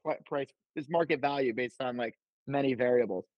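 A man's voice: mid-range voice, fairly quick, no room sound, lo-fi sound. A young man from New Jersey, a podcast guest, telling loose rambling stories and saying "like" constantly. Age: young adult. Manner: laid-back, filler-heavy, says "like" constantly. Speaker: podcast guest, baklava vendor. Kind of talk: casual chat, rambling storytelling.

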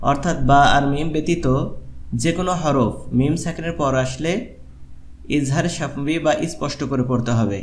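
A man teaching an online Quran reading lesson, spelling out letters and drawing out syllables slowly as he demonstrates recitation. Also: a little high, roomy sound, a little hiss or hum. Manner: slow, drawn-out syllable-by-syllable demonstration.

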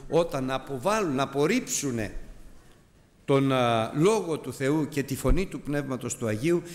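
A man's voice: medium pitch, lively intonation. Greek man preaching in an echoing hall. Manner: earnest, emphatic, addresses listeners as brothers. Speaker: Bible teacher. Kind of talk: Bible study sermon.

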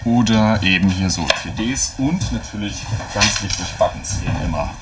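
A young man from giving a casual tour of his small shop and talking in an interview, often ending sentences with a relaxed "ne?". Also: on the low side, normal speed, very noisy. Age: young adult. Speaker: skinhead mail-order shop owner. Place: small shop office and storeroom, indoors.

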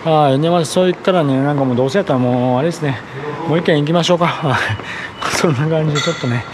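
A man's voice: on the high side, rapid-fire, noisy background. A drunk man in his thirties with a Kansai accent, rambling and repeating himself as he vlogs casually to the camera. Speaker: vlogger. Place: indoor tiled underground passage. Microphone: handheld camera at arm's length.

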